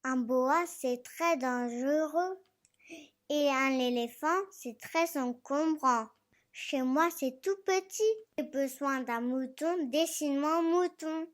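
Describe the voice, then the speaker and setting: Slow, high-voiced solemn little prince acted out theatrically. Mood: insistent. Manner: slow, earnest, theatrical dramatic reading. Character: small, solemn, insistent little prince boy from another planet. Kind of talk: theatrical storybook reading.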